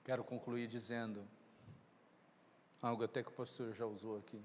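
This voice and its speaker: A man's voice: medium pitch, level tone, moderate pace, slight background noise. A man preaching a sermon in a church, retelling the story emphatically and addressing the congregation directly. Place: church sanctuary. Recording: long reverb in a church hall.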